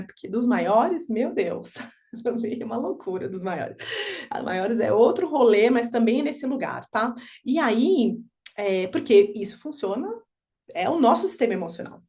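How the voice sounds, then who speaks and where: A woman giving a talk to parents on children's emotions, animated, acting out children and parents in quick high voices. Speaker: parenting educator. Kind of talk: lecture to parents.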